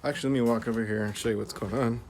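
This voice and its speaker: A man's voice: mid-range voice, steady tone, very fast, darkish tone. An American man giving a casual, unscripted, upbeat update as a car build vlogger, in informal slangy words. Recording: faint vehicle and ambient noise.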